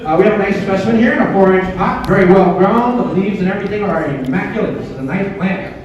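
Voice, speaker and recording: A man's voice: sits high, fast, dull audio. A man working as an auctioneer, informally calling and repeating bids and chatting through descriptions of the lots. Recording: echoey room, distant microphone.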